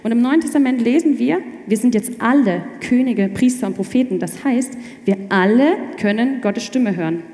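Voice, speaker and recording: Excitable young woman in an echoey room. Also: fairly high pitch. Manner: animated, talks in quick restarts. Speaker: guest sharing her faith story. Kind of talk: personal testimony in casual chat. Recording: echoey room with long reverb.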